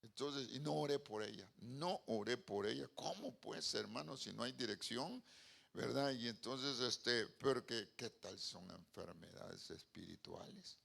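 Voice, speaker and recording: Gravelly-voiced preacher man building to shouts. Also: medium pitch. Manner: preaching that swells from quiet storytelling to loud, drawn-out exclamations. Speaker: pastor. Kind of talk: sermon.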